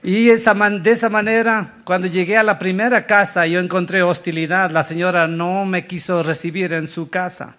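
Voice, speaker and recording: Earnest preaching man, higher voice. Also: steady tone, moderate pace, hardly any pauses, fairly bright tone. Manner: earnest storytelling preacher with frequent self-corrections. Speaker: pastor. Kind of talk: sermon.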